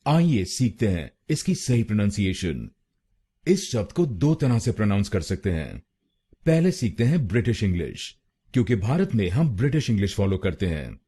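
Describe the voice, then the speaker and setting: Male Indian pronunciation tutor, lively pitch, drills words syllable by syllable. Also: breathy edge. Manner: slow, deliberate, repeating words syllable by syllable. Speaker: pronunciation teacher. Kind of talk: Hindi pronunciation lesson.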